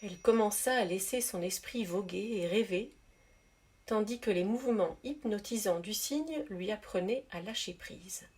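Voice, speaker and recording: A woman reading a spiritual story aloud in a soft, measured, gentle narrating voice. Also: medium pitch, slightly rough. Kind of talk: calm read-aloud storytelling.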